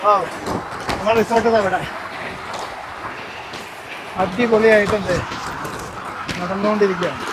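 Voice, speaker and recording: A woman with a medium-pitched voice talks casually to viewers. Her Malayalam is mixed with English words, and loud outdoor noise surrounds her. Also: steady tone, measured pace, long pauses. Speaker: travel vlogger. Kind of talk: casual spoken vlog commentary. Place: outdoors on a trek. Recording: very noisy outdoor trail recording.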